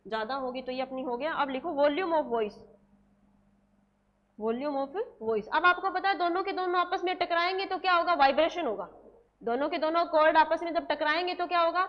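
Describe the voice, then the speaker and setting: Woman teacher, high voice, repetitive question-and-answer drilling, slow dictation; slightly dull recording. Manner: slows right down to dictate English terms word by word. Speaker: nursing exam coaching teacher. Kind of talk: classroom lecture, dictating notes.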